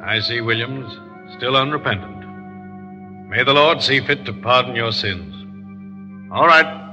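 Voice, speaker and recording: An actor playing a solemn, stern prison warden, grave and formal, in old radio drama on a muffled, reverberant recording. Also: male voice, mid-range voice, animated, measured pace, pushed and bright, soft background music. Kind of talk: 1930s-40s radio drama acting.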